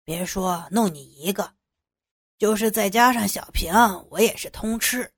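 A woman voicing a gruff lecherous male boss. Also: medium pitch, measured pace, no room sound, clean studio sound. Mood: leering. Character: older male bureau chief, lecherous and bossy. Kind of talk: adult audio story reading.

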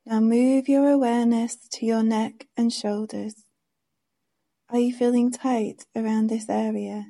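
Slow, soothing woman guiding meditation. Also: fairly high pitch, flat delivery. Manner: gentle, soothing, unhurried instructions. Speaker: meditation guide. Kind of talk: guided meditation.

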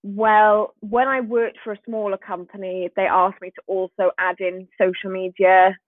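A woman's voice: medium pitch, little pitch movement, moderate pace, no echo. A woman from Swansea with a light Welsh accent, chatting casually and self-deprecatingly as a guest, with a giggly manner. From Swansea, Wales. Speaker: podcast guest, small business owner. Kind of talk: casual chat. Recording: thin band-limited phone-like call audio.

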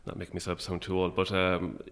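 A man with an Irish midlands accent talking casually and a little hesitantly as an interview guest, in a low-key, wry way. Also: monotone, fairly quick, vocal fry, a bit bright. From Longford, Irish midlands.

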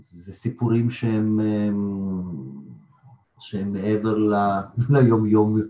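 A man's voice: lowish voice, little pitch movement, dark tone. A man being interviewed as a theatre director, telling stories conversationally and repeating phrases for emphasis. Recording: echoey room, slightly dull sound.

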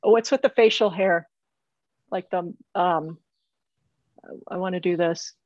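A woman's voice: lowish voice, a little slow, a little mellow, no room sound, lo-fi sound. A woman giving a psychic reading over a remote call, earnest and insistent, often stopping and repeating her phrases. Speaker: psychic medium.

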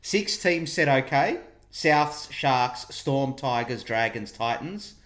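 A man's voice: mid-range voice, lively intonation, slow, fairly bright tone. A man hosting a casual sports review podcast, talking wryly and repeating himself for emphasis.

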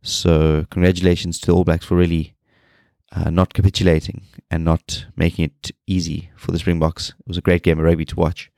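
A podcast host talking solo has a very deep, creaky voice, nasal and congested from a cold. He's brisk yet flat and low-energy, wandering off and restarting his sentences. The sound is close and dry, without any room ambience.

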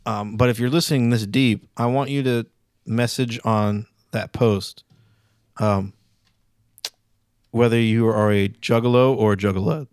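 Rambling man with a halting delivery. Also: medium pitch, fairly even intonation, a little mellow, clear, resonant tone, dry recording, studio quality. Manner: rambling, halting, self-deprecating. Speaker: podcast co-host. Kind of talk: casual chat.

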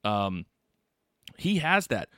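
A man co-hosting a podcast in a casual chat, talking in an animated, rambling, exclamatory way. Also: lowish voice, drawn-out words, no room sound. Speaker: podcast co-host.

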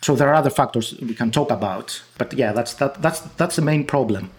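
His medium-pitched, husky voice is brisk, carrying a Greek accent. The man, from Greece and appearing as a guest researcher in an interview, keeps restarting and using fillers as he explains, sounding hesitant.

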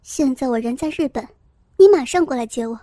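A woman's voice: sits high, lively intonation, a little fast, warm tone, no echo, clean studio sound. A woman voicing a proud young woman who speaks coldly and with scorn. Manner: cold and scornful.

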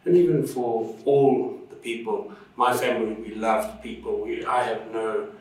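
Sitting back from the microphone in a very echoey room, this Zimbabwean drone pilot and instructor recalls his earlier life in a relaxed conversational interview. His fairly low voice keeps an even intonation at a measured pace, and his warm, loose storytelling rambles with many fillers and restarts.

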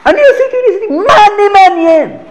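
A man's voice: very high-pitched, lively intonation, slight background noise, pitched above the performer's own voice. A man acting out an elderly rabbi who brushes off his own deeds with urgent passion. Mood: impassioned.

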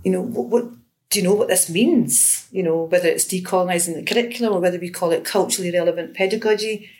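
A Scottish woman in her fifties, an education researcher and lecturer, talks through her research in a conversational interview. Her voice is fairly low with a darkish tone and a quick pace, and she comes across as thoughtful, with frequent restarts and fillers.

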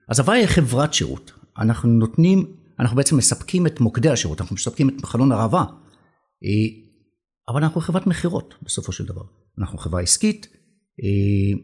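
A man's voice: medium pitch, a little mellow, slightly rough. A middle-aged man with an Israeli accent talks in a conversational business interview, emphatic and repeating phrases for weight. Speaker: company country manager, interview guest.

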